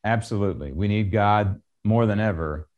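A man's voice: fairly low pitch, normal speed, phone-quality sound. An American man hosting a political talk show, addressing his audience in an emphatic, exhorting opinion style that repeats its points.

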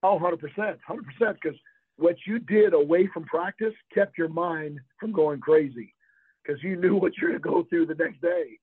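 A man's voice: on the high side, normal speed, husky, no echo. An older man from Florida, a former college football player, telling rambling anecdotes in an interview and laughing often. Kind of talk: interview storytelling. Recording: tinny phone-line sound, dry.

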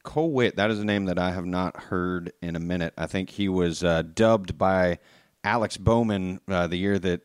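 A man with a fairly low voice co-hosts a podcast and reads fan questions aloud. He is playful and upbeat and drops in quick asides. The sound is dry and close. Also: smooth, no room sound. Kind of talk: casual podcast chat.

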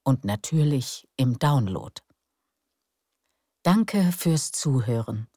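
A woman narrates soothing sleep stories as a podcast host, in a calm, gentle, unhurried way. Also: extremely low pitch, no room sound, studio quality. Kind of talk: soothing bedtime story narration.

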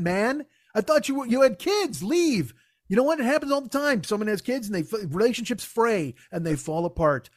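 A man with a high-pitched voice holds forth on a comedy podcast, sarcastic and foul-mouthed. He slips into mocking impressions of the people he is ridiculing. The sound is dry and close. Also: dry recording. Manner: sarcastic, profane, mocks people in put-on voices. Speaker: podcast host.

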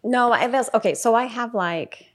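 A middle-aged woman, a school paraprofessional, talking casually in an interview, chatty and quick to laugh, with many fillers. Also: on the high side. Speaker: paraprofessional guest.

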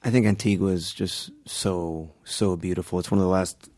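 A man in his thirties, a guest born in Guatemala and raised in Miami, talking in a relaxed, thoughtful way with many fillers and restarts. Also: low-pitched, normal speed, no echo. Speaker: actor guest. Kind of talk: casual interview chat.

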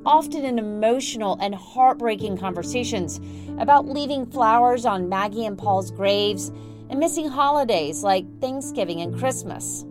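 A woman's voice: fairly high pitch, expressive, moderate pace. A woman hosting a news podcast, reading scripted investigative narration as a reporter. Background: music.

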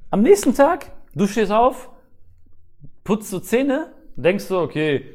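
Podcast guest, man, fairly high voice with lots of pitch movement, animated advice-giver who acts out quotes. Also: slow pace. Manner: animated, acts out other people's thoughts in quotes; ends phrases with "ne?". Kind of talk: casual podcast conversation giving life advice.

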